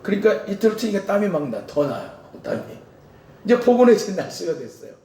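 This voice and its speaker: Male pastor with a Jeolla Korean accent, conversational sermon full of rhetorical questions, mellow, a bit higher-pitched, heard from far off in a very echoey church. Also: very animated, fairly quick. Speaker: senior pastor. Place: church sanctuary. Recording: very echoey church hall, distant mic.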